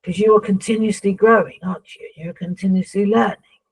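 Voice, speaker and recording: A woman speaking as a seance medium in trance, voicing a solemn, instructive spirit guide who addresses humans, with a husky voice. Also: medium pitch, steady tone, fairly quick, low-quality recording.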